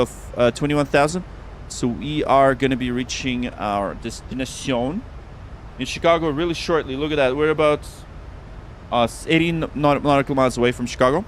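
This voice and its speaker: A man hosts a laid-back flight simulator livestream in a mid-range voice, chatting informally and often repeating himself. There's a little background noise.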